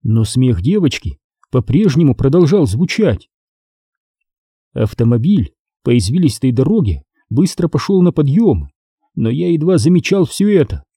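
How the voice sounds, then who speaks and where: A man reading an audiobook aloud in a dramatic, expressive storytelling manner. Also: medium pitch, normal speed, husky, no echo, clean studio sound. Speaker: audiobook reader.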